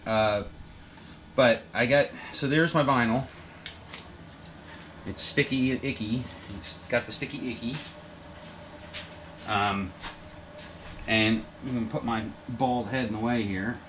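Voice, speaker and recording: Speaking slowly and pausing often in a steady, medium-pitched voice, a hobbyist bookbinder vlogger narrates his home workshop project. His casual how-to is rambling and profane, with self-deprecating asides. Wind noise from the heater reaches the mic, and a printer is running.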